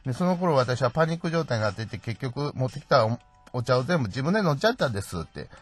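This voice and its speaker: Faint music plays behind this podcast host as he runs through a true-crime story on his own in a fast, sing-song, husky voice of medium pitch. His delivery is chatty, dotted with "ne" tags and dry asides.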